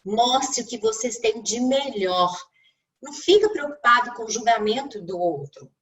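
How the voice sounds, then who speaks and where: A woman's voice: a little high, lively intonation, normal speed, a bit bright, distant mic, poor audio. A speech therapist giving a didactic talk on a video call, with a Brazilian Portuguese accent, addressing her listeners directly. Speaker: speech therapist and communication mentor.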